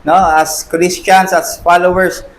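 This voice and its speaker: A man teaching a church Sunday school class in a conversational way, often checking in with the class through quick rhetorical questions and acting out quoted voices. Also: sits high, little pitch movement, a little hiss or hum, poor audio.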